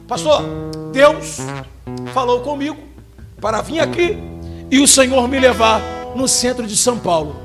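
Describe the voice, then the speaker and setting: A man voicing a humble, zealous young believer who speaks in an earnest, quiet way. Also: extremely high pitch, unhurried, pauses often, over music.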